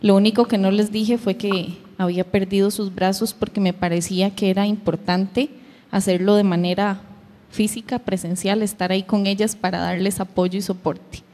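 At a church youth meeting, a woman with a medium-pitched, mellow voice gives a heartfelt personal testimony in a level tone at normal speed. Telling her story emotionally, she acts out her daughters' words, and the recording carries long hall reverb.

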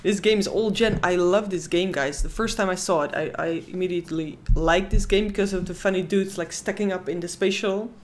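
A young Dutch woman from the Netherlands, speaking with a Dutch accent, co-hosts a live casino stream, chatting with viewers and reacting to the game. Her voice sits on the low side and moves a little fast with few pauses. She's chatty, reads the chat aloud and squeals whenever there's a win.

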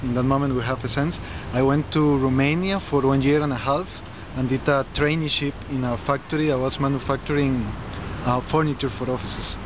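A man in his twenties from Costa Rica, introducing himself in a relaxed way outdoors in a park. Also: medium pitch, a little fast, background noise. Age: 20s. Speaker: board member introducing himself. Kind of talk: self-introduction to camera.

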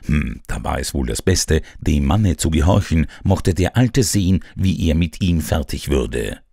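A man narrating an old detective adventure as an audiobook, in a measured, dramatic storytelling manner. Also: a bass voice, expressive, vocal fry, dark tone, husky, dry recording, studio quality.

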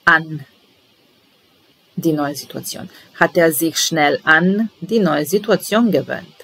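Woman teaching phrases real slow, low-ish voice, careful and patient. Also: a bit bright, slightly rough, poor audio. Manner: patient, measured, enunciating each phrase slowly. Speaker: language teacher. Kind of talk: slow bilingual lesson, repeating phrases.

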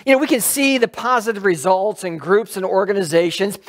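This middle-aged pastor preaches from a church lectern, chatting with the congregation and posing questions to them. His voice sits high, expressive and a little fast.

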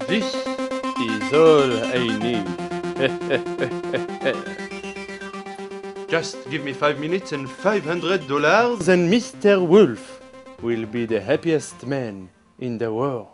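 An actor playing a smooth, money-minded hypnotist in an audio drama, speaking in slow, lulling, drawn-out phrases. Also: male voice, mid-range voice, lively intonation. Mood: smug. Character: smooth, greedy male hypnotist. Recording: clear music underneath.

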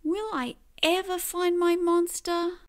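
A woman with a very high voice reads a children's picture book aloud, telling the story in an expressive, deliberate and emphatic way.

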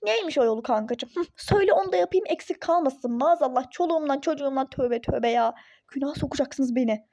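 A sarcastic, fed-up young mother in a phone-game role-play story, voiced by a woman. She talks high but with a mellow, dark tone, and snaps back with exasperation. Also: fast talker, dry recording. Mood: exasperated. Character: irritable young pregnant mother, fed up, skeptical.

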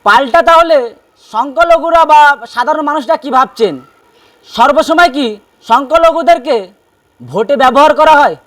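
A male news presenter with a West Bengal Bengali accent. His voice is very high in pitch and he delivers a dramatic report introduction. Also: expressive, normal speed, long pauses, fairly bright tone.

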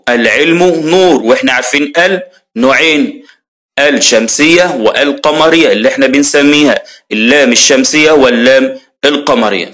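A man's voice: mid-range voice, fairly bright tone. A man with an Egyptian accent teaching children grammar, asking questions aloud and then answering them himself. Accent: Egyptian Arabic. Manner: asks questions and answers them himself, addresses pupils as heroes. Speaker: primary school grammar teacher. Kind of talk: lively classroom explanation.

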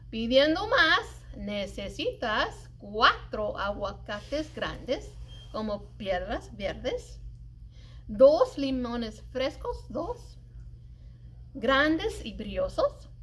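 In a library children's room, a middle-aged storyteller with a notably high voice reads a picture book aloud to kids. She is animated and unhurried, stretching key words for emphasis. Faint room noise sits behind her.

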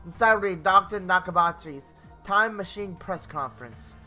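A young man with a fairly high voice hosts a gaming video from a small bedroom at home, speaking at a moderate pace. He reads the story narration theatrically, throws in casual asides, and now and then trips over words while game music plays.

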